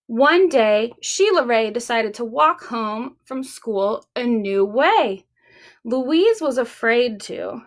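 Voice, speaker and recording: Leading a library storytime, a woman speaks and reads to little kids in a deliberate, expressive manner, her pitch on the high side.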